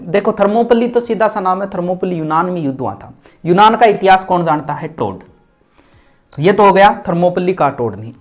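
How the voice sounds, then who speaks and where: A male teacher, giving an exam-prep lecture, stressing key words and offering memory tricks. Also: sits high.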